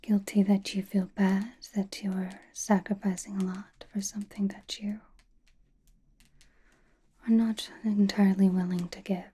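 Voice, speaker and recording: A woman acts out a mysterious witch fortune teller in a soothing ASMR roleplay. She whispers in a very breathy, husky voice, calm and knowing. Her delivery stays slow and deliberate, with little rise or fall. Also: medium pitch. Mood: musing, gentle.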